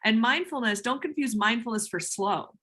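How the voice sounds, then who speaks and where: Bright-voiced, emphatic female yoga teacher. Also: a little high, normal speed. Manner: energetic, emphatic teacher's delivery. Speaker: yoga instructor and trainer of instructors. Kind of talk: explaining on a call-in Q&A.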